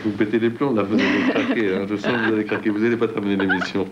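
A man's voice: on the low side, fairly even intonation, rapid-fire. A middle-aged man hosting a casual talk-show interview at a studio table microphone, asking probing, teasing questions. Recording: dull, noisy old TV tape.

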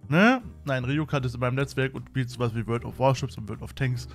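A man's voice: medium pitch, flat delivery, fast talker, vocal fry, faint music behind. A man chatting in a casual vlog at home, playful and rambling with lots of fillers. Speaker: YouTuber. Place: room at home with a fan.

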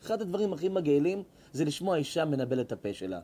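A rabbi with a high voice preaches to his audience. He speaks emphatically and scolds in an animated, story-driven way. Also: husky. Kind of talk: sermon with acted-out stories.

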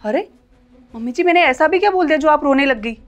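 An actress playing an outspoken young daughter-in-law who scolds and confronts others in a family short film. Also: female voice, sits high, lively intonation, quick pace, highs cut off. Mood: scolding. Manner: confrontational, scolding, rising loudness.

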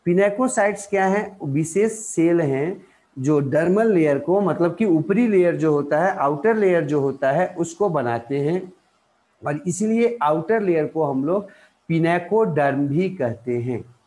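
An Indian man teaches a biology lesson in a fairly high voice. He keeps asking the class questions and then answers them himself, padding his explanation with fillers and restarts. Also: expressive, unhurried, dark tone. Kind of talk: explanatory lecture in Hindi.

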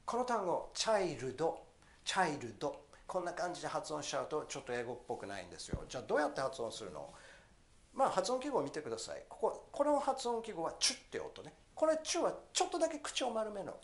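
Lively pronunciation teacher, a man. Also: on the high side, gravelly. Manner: lively, switching between slow, careful English and quick, chatty Japanese. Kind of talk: pronunciation lesson.

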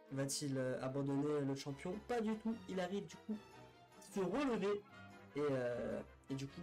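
A man hesitantly tells a sports history story off the cuff, full of fillers and restarts, with faint music in the background. His voice sits high and is a little mellow, and the audio quality is poor.

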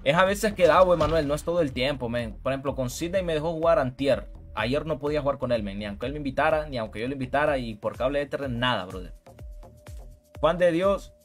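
A man's voice: mid-range voice, lively intonation, fast, soft background music. A young man chatting casually as he streams a fighting game, greeting viewers by name and calling them bro. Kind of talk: casual live gaming commentary.

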